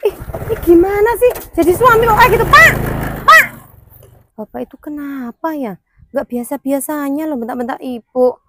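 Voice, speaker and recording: A woman's voice: sits high, moderate pace, sharp tone. A woman playing a fretful middle-aged wife, complaining about her bad luck in a comedy skit. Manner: fretting, complaining to herself.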